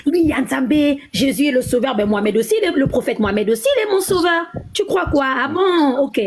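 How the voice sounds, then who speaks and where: A woman's voice: high voice, animated, fairly quick, a little hiss or hum. A woman debating in a live online call, pressing her point and repeating her questions insistently. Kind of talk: heated live-stream debate.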